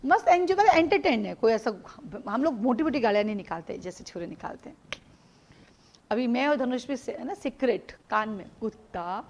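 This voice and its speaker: A woman teaching a live law class, explaining through lively everyday stories, mixing Hindi with English legal terms and repeating key points for students to note. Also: on the high side, a little fast. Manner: animated storytelling with everyday examples.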